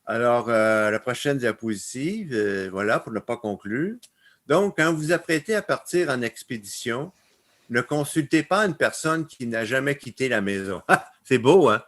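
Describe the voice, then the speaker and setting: Québécois guy giving a talk, laughs a lot, lively storyteller. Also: medium pitch, normal speed. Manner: laughs often, animated storytelling. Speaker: conference speaker. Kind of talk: presenting slides on a webinar.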